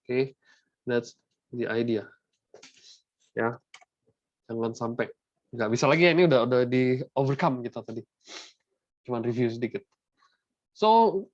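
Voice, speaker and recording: A man's voice: medium pitch, no room sound. A young man with an Indonesian accent teaching a maths lesson in a casual, chatty way, often checking that students follow. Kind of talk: classroom lesson mixing Indonesian and English. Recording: dull, dry sound.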